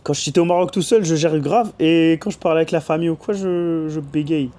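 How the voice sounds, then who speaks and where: A young man with a hoarse voice, chatting casually in a vlog and laughing often. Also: fairly high pitch, brisk, dark tone, a little hiss or hum. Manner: laughs often, mixes French and English. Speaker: vlogger. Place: small room indoors.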